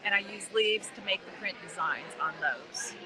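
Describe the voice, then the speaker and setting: A woman's voice: medium pitch, normal speed, poor audio. A woman giving casual answers as an artist guest in a live interview. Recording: busy crowd behind.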